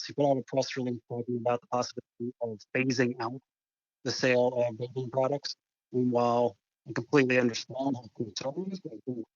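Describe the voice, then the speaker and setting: A man calling in as a phone interview guest, heard over the phone, talking in a measured, deliberate way about policy. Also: mid-range voice, a little mellow, no room sound. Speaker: phone-in guest, head of an advocacy group. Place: green room before a TV appearance. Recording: muffled dry phone line.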